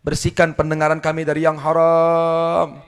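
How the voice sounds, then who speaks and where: A high-pitched man preaches with fervent, rhetorical repetition, and his prayers swell into a chant. He speaks through a PA microphone, and a long reverb trails his voice around the hall. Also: completely flat delivery, moderate pace, clean tone. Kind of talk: sermon and prayer. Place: Islamic religious gathering hall.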